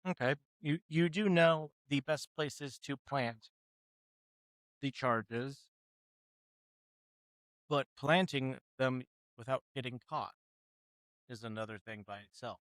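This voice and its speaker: A man narrating a tabletop game as game master, measured and deliberate. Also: medium pitch, fairly bright tone, no echo.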